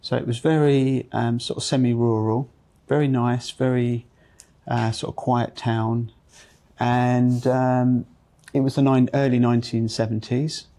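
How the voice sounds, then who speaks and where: A man in his fifties from London with a London accent, telling his life story as an interview guest in a reflective way, with pauses and fillers. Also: medium pitch, dark tone. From England. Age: 50s. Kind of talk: conversational interview.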